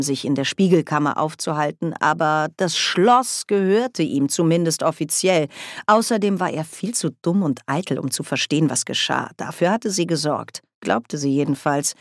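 A woman reading a novel aloud in measured, clear audiobook narration. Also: sits low, dry recording, clean studio sound. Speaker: audiobook reader. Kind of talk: scripted narration.

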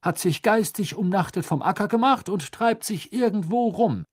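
A man voicing a flustered, blustering middle-aged minister who talks high, loud and pushy. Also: lively intonation, moderate pace, slightly rough, no echo, clean studio sound. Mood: agitated.

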